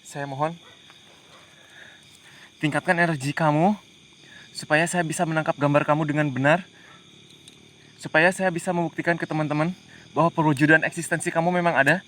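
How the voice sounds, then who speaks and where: A man's voice: on the high side, steady tone, brisk, long pauses. Man hunting ghosts outdoors at night. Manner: hushed and tense, muttering prayers and pleading. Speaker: paranormal investigation host. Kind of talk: live ghost-hunting commentary. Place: outdoors at night among trees.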